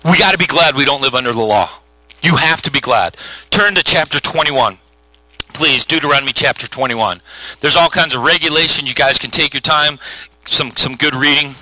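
A middle-aged male pastor preaching a sermon, telling the story with lively acted-out voices. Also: a little high, normal speed, no echo, low-quality recording. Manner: animated storytelling with voiced characters.

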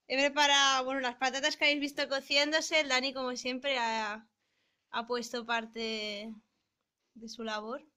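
Young woman, casual vlog, high voice, bright tone, chatty and cheerful, camera held at arm's length, small flat. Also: normal speed, pauses often, clean tone. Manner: cheerful, chatty, explains as she goes. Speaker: vlogger. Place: small apartment kitchen and room indoors. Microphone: handheld camera at arm's length.

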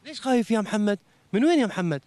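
Lively high-voiced man hosting. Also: rapid-fire, dry recording. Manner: lively, teasing, chatty with children. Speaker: TV show host. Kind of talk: religious talk and quiz with audience. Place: outdoor mosque courtyard.

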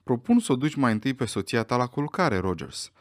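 A man reading an audiobook voices a stern elderly judge who questions people with measured authority. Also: medium pitch, big pitch swings, dry recording, studio quality, lightly acted.

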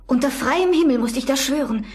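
A woman's voice: high voice, a little fast, darkish tone, slightly rough. A woman playing a sorrowful young princess. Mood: plaintive. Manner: plaintive, pleading. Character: young princess turned goose girl, gentle and sorrowful. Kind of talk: fairy-tale radio play.

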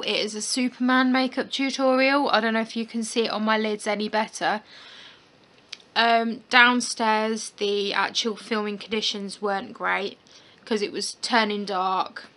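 A woman's voice: medium pitch, sharp tone. A young woman, chatting casually to her camera at home, rambling with lots of "like" and "um" fillers. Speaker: vlogger. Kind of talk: casual chat. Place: home, indoors.

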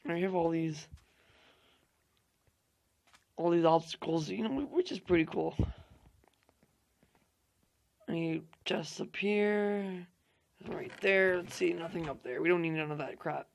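At normal speed and on the high side, a hoarse young gaming channel host rambles casually over gameplay, his voice nearly gone, dropping fillers and swear words throughout.

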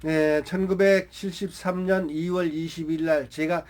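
A man's voice: fairly high pitch, fairly even intonation, a little slow, darkish tone. A man in his seventies telling old stories in a casual monologue, chatting directly to his viewers and drifting into rambling asides. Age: 70s. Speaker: YouTube storyteller.

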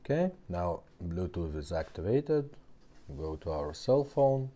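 Seated at a tabletop indoors, a man presents a car radio repair shop demo, walking through the product step by step in simple, non-native English. His deep voice is mellow and sing-song, and he speaks a little slowly and casually.

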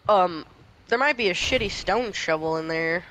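A woman's voice: fairly low pitch, expressive, moderate pace, fairly bright tone, rough recording. A woman chatting casually while streaming a game, talkative and profane, ranting about small annoyances. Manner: chatty, swears freely, ranting complaints. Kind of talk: casual chat while gaming.

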